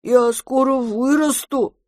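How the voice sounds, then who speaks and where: A giant monster baby, sweet and clingy, whimpering its lines high and slow, as an audiobook reader puts it on. The voice lifts well above the reader's own and drawls out each plea. The recording is dry and close. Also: steady tone, a little mellow, no room sound. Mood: pleading. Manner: childlike, tearful and pleading. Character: huge weepy monster child, sweet and clingy. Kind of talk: audiobook character reading.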